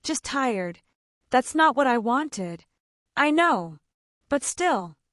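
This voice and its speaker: A young woman narrating her own story in the first person, in short, reflective sentences. Her voice sits on the high side and moves widely in pitch. It is recorded dry and close, with no room around it. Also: sing-song, takes it slowly, a bit bright, no echo. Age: young adult.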